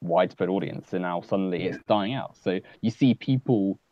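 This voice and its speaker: A man's voice: deep voice, moderate pace, mellow, dry recording. A man in a casual online hangout, talking earnestly and at length with many fillers. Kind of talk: casual political discussion. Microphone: home computer mic on a video call. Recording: dull lo-fi audio.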